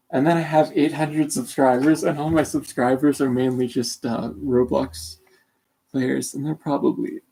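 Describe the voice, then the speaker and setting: A creaky, dark-toned voice of medium pitch comes through poor audio from a late-teen Canadian streamer. He's half asleep and sore-throated, wandering through casual chat, fixing his own words as he goes with self-deprecating restarts.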